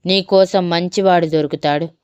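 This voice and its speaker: A stern middle-aged father lectures his daughter about family honor, as a woman storyteller reads him. The voice sits low and very smooth, recorded dry and close. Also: fairly even intonation, normal speed, darkish tone, no echo, lightly acted.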